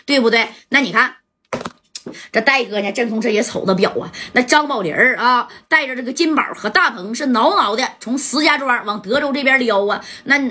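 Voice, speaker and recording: A woman telling a gangland story in a chatty, lively way, with asides to the listener. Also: fairly high pitch. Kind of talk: oral storytelling of gangland tales.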